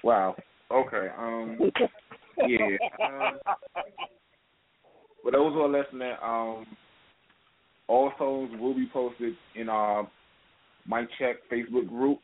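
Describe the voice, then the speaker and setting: A man hosting a podcast in casual chat, hesitant and halting, with many fillers. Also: mid-range voice, lively intonation, slight background noise. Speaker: podcast host. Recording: tinny phone-like line.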